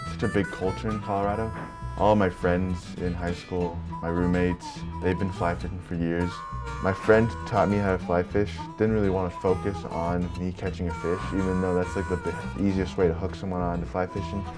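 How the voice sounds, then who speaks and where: A young man from Hong Kong speaks in a low, easygoing voice. His talk is relaxed and full of fillers, the way a student explains a hobby on camera. Guitar music plays clearly underneath. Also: normal speed. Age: young adult. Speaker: college student fly fisher. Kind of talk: documentary interview and on-location talk. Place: outdoors by a river.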